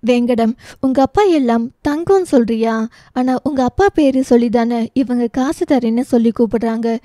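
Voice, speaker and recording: A woman's voice: on the high side, moderate pace, warm tone, dry recording, studio quality, lightly acted. A woman narrator voicing a worldly, blunt, protective older-sister coworker who gives scolding advice in a storybook reading. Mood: matter-of-fact.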